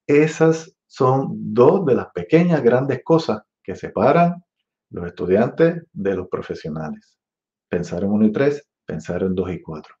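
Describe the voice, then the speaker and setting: A man's voice: fairly low pitch, expressive, unhurried, mellow, lo-fi sound. A man in his fifties giving a music master class, chatty and digressive, scat-singing rhythm syllables to show phrasing. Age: 50s.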